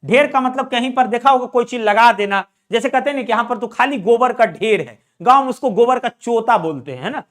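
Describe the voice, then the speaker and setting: A young male teacher runs an exam prep lesson in a very high voice. He drills vocabulary by asking his students questions and answering them himself, over and over. He calls his students "my children" as he goes. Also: a little fast, few pauses, a bit bright. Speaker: English teacher.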